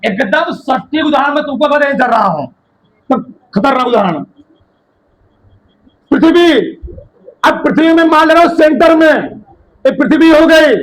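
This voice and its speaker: High-voiced man teaching a physics class. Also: normal speed, long pauses, low-quality recording. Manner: quizzes students with rhetorical questions; colloquial, addresses listeners as brother.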